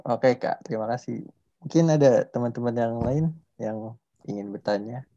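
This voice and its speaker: A man hosting a casual online chat, putting questions in a hesitant, halting way over a video call. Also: medium pitch, mellow. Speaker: host. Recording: dull, lo-fi call audio.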